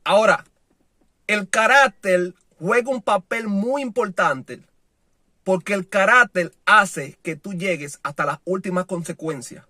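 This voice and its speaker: A man preaching a sermon with passion, moving between loud declarations and soft, low lines, and acting out the voices of people he quotes. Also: a little slow, no room sound, clean studio sound.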